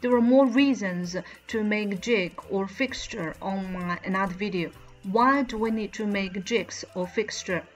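Faint music plays behind a medium-pitched female voice that runs a little slow. The speaker, a Chinese woman in her thirties hosting a channel for a mold company, delivers a scripted factory walkthrough in careful English that sounds slightly non-native and carries a Chinese accent. A front-facing camera in medium close framing records her indoors against a plain, bright backdrop.

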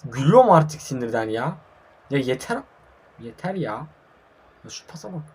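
This young man swears and grumbles through live commentary on his own online football game, speaking to himself and to viewers. He has a medium-pitched, expressive, slightly rough voice and talks at a moderate pace.

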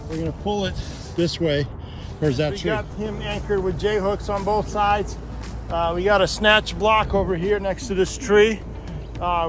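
Man talking outdoors over engine noise. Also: high voice. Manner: plain-spoken, explains step by step with many "uh" fillers. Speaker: tow truck driver. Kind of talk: casual vlog narration. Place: outdoors on a muddy wooded hillside. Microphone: handheld phone camera. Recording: outdoor phone audio with wind and engine noise. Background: truck engines and outdoor noise.

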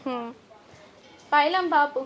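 An actress with a Telangana Telugu accent playing a heartbroken young wife who speaks in a tearful, resigned way. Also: female voice, high-pitched, slow pace, highs cut off, a little hiss or hum. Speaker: daughter. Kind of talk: village short film acting.

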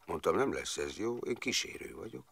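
A gravelly, rueful old-timer. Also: male voice, deep voice, very animated, a bit bright, dry recording, exaggerated voice. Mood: rueful recollection. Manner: rambling storyteller, clauses strung on fillers. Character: rueful, plain-spoken man recalling wartime years. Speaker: former footballer telling his past. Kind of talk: film monologue.

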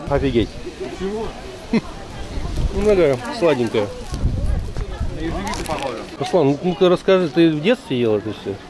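A man's voice: a little high, big pitch swings, measured pace, pauses often, crowd noise. A man chatting informally as a travel vlogger, jokey and slangy. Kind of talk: casual chat on location. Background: music.

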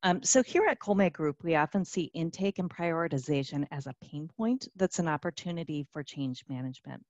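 A woman's voice: sits low, animated, brisk, darkish tone, dry recording, muffled recording. A woman co-presenting a business webinar over a conference call, upbeat, with frequent fillers and restarts. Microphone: conference call line.

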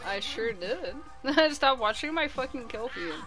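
A woman's voice: on the high side, animated, a little slow. Laid-back laughing gamer woman. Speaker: player. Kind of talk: casual gaming chat.

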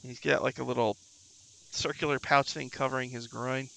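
Male game master, creaky and forceful, improvising scene description bit by bit. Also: mid-range voice, flat delivery, a little fast, low-quality recording. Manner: descriptive, piecemeal delivery. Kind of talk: improvised tabletop game narration.

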